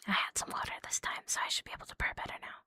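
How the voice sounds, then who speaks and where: An ASMR performer, a woman, whispers breathily right at the microphone in an intimate, soothing roleplay as a catgirl girlfriend, lingering on repeated words. Her voice comes across very fast, bright and forceful, with no room sound.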